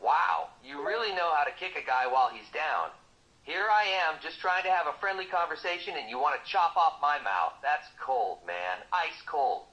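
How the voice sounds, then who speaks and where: A man's voice: fairly high pitch, expressive, moderate pace, sharp tone, muffled recording. A man voicing a boastful, wisecracking male mercenary who teases his partner in comic banter. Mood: playful. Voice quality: cocky, teasing, sarcastic.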